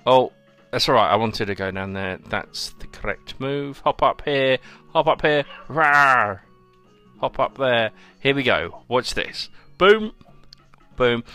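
A young man hosts a let's play, giving chatty, sarcastic commentary to his viewers as he plays a video game, with faint game music in the background. His voice is fairly low, bright, forceful, and smooth.

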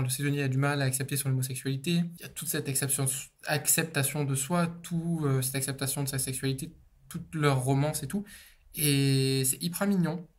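A young man, an author, answering interview questions in a casual, chatty way, with frequent fillers and the odd swear. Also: on the high side.

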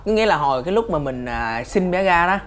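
A man's voice: fairly high pitch, animated, fast talker, fairly bright tone. A man with a Southern Vietnamese accent hosting a casual interview, chatty and rambling as he restates what he has heard. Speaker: interviewer and channel host.

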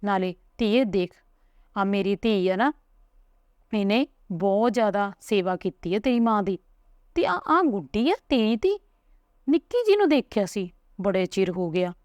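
A woman voicing a chatty, pushy elderly village grandmother who coaxes and talks without pause. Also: medium pitch, big pitch swings, darkish tone, no room sound. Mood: coaxing. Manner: talks on and on, coaxing.

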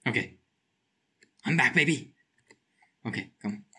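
A man with a slight lisp, giving excitable let's play commentary, muttering to himself and shrieking at wins and scares. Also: mid-range voice, a little slow, slightly rough. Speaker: gaming channel host.

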